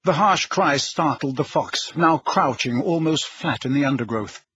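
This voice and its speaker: A man narrating an audiobook in a measured, dramatic storytelling manner with a husky voice. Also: fairly high pitch, lively intonation, a bit bright. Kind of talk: scripted narration. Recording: dull lo-fi recording.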